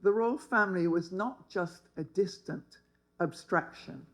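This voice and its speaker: Slow, wry older woman. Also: lowish voice, poor audio. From England. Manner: wry, humorous. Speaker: speaker. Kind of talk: personal storytelling talk.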